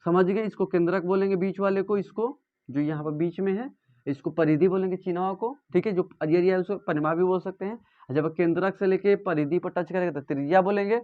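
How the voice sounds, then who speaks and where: High-pitched guy with a teaching math, keeps quizzing the class, dull lo-fi audio. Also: fairly quick. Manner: asks students questions and repeats answers. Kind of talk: classroom lesson. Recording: dull lo-fi sound.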